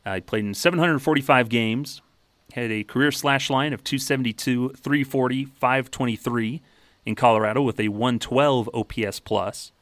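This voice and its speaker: A man hosting a sports podcast, brisk and matter-of-fact, rattling off statistics. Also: medium pitch, no echo. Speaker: podcast host. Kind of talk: sports podcast, reading stats.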